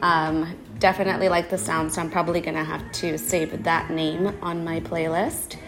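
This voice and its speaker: A woman's voice: deep voice, steady tone, moderate pace. A woman co-hosting a casual music chat, giving brief, upbeat replies and asking about the songs. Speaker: co-host.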